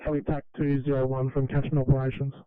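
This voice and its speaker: A man's voice: mid-range voice, monotone, fast, smooth, dry recording. A man working as an emergency operations dispatcher, speaking in procedural style over two-way radio. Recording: narrow, tinny emergency radio channel.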